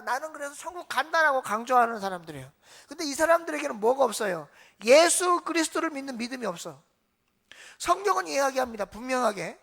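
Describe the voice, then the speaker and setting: Woman, pastor, church sermon, high pitch, asks and answers her own questions. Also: fairly bright tone. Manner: asks the congregation questions and answers them herself. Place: church sanctuary.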